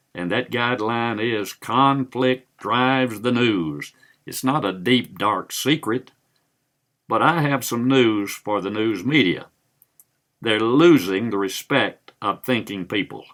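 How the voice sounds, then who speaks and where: Slow, preachy older man. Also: fairly low pitch, fairly bright tone. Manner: preachy, rhetorical questions, slow emphatic delivery. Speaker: commentator. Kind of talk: political commentary.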